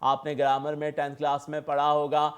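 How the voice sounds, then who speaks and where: A man's voice: a little high, monotone, a little fast, clear, resonant tone. A man teaching an online exam-prep lecture, patiently explaining and checking in with his students. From Pakistan. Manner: patient, explanatory, calls students "beta", repeats "theek hai".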